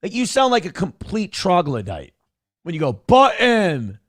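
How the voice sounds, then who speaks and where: A man's voice: high-pitched, huge pitch swings, moderate pace, husky, no echo, clean studio sound. An American man hosting comedic political commentary in a sarcastic, emphatic manner. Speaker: talk show host.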